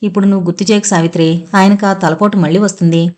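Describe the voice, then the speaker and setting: A woman's voice: mid-range voice, fairly even intonation, fast, lightly acted. A woman reading the lines of a shy, hesitant young wife in an audio novel. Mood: light. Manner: hesitant, soft, pleading.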